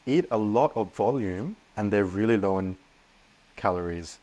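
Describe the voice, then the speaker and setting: A young man speaking as a podcast guest, earnest and animated, often restarting his sentences. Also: lowish voice, normal speed. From Australia. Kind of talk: casual podcast interview.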